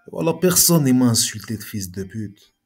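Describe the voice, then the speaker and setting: Husky-voiced man arguing a rebuttal. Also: mid-range voice, lively intonation, normal speed, a little mellow, faint music behind. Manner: combative, addresses critic directly. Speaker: video blogger. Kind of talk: argumentative reply monologue.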